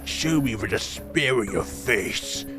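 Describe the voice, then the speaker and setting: A man voicing a sadistic killer in a video game, with slow, theatrical, taunting villain menace and a gravelly voice. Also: medium pitch, lively intonation, music in the background.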